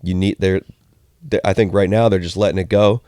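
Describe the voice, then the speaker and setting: A man with a very deep voice gives blunt, matter-of-fact takes on college sports. He is heard close and dry, like a host at the table. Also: fairly even intonation, brisk, mellow, no room sound. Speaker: podcast co-host. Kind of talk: casual sports talk.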